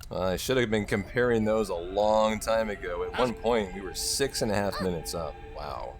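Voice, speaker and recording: A man with a low voice gives casual speedrunner commentary to his stream chat. He sounds a bit tired and talks in slangy, buddy-like terms about splits and time saves. Loud game music plays behind him. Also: moderate pace. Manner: slangy, buddy-like address to viewers. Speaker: speedrunner, livestream host. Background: loud video game music and game dialogue.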